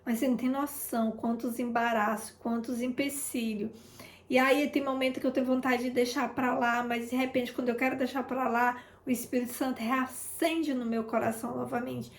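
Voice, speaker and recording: This intercessor's testimony on a prayer broadcast comes in a fairly high, gravelly voice with some fry, a level tone and a normal speed. Chatty and informal, she keeps speaking straight to her audience and replays old conversations, while the recording has a roomy echo.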